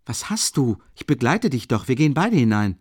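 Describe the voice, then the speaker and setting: Worried loyal young friend, urgent and questioning, voiced higher, as a man puts him on; dry studio storybook read. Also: big pitch swings, a little fast, breathy edge, dry recording. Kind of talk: audiobook character reading.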